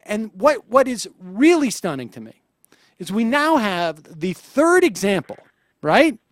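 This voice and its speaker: High-pitched, emphatic male talk host. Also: very animated, unhurried, no echo, clean studio sound. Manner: emphatic, indignant, builds to stressed points. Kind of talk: political talk show discussion.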